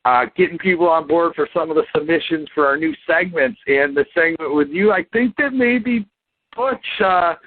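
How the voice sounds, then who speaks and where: A man's voice: a little high, moderate pace. A man co-hosting a wrestling podcast in casual chat, rambling with lots of fillers and folksy asides. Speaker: podcast co-host. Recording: tinny phone-line audio.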